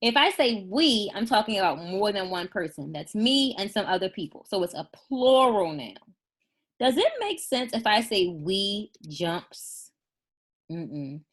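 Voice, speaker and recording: A woman teaching a first grade class in a recorded remote lesson, patient and encouraging, slowing down to spell out sample sentences. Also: mid-range voice, very animated, breathy edge. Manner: slow, deliberate dictation of sample sentences.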